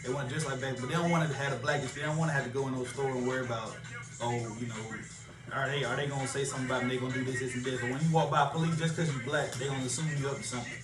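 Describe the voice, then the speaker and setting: A man's voice: mid-range voice, fairly even intonation. A young man, a college student, talking emphatically in a casual group discussion. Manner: emphatic, talks fast, acts out quoted voices. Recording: echoey room with music behind.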